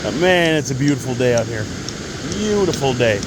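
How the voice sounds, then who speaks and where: A man's voice: mid-range voice, lively intonation. A man chatting casually and informally as he films an outdoor fishing vlog. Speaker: amateur angler filming a fishing vlog. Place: outdoors by a waterfall. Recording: loud rushing water noise outdoors. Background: rushing water.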